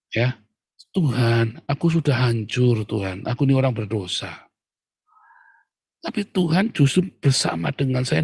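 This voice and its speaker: A man preaching a sermon in a lively way, often turning to address the congregation directly. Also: medium pitch, husky, no room sound, clean studio sound. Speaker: pastor.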